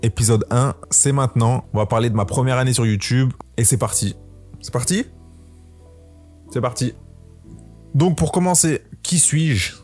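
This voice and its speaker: A man's voice: medium pitch, normal speed, hardly any pauses, a little mellow, soft background music. A man, talking casually to camera about his channel, rambling with lots of fillers and restarts. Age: 20s. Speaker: YouTuber hosting his own podcast. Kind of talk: casual solo talk to camera.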